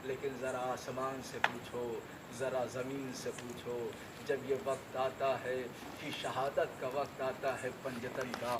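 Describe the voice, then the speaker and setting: A man's voice: medium pitch, level tone, few pauses. A man, a cleric, delivering a mourning sermon to a seated gathering, declaiming in rhythmic repeated lines that swell into impassioned lament. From India. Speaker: Shia cleric (maulana). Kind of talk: majlis sermon oratory. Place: gathering where mourners sit on the ground. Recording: distant mic with loud background noise.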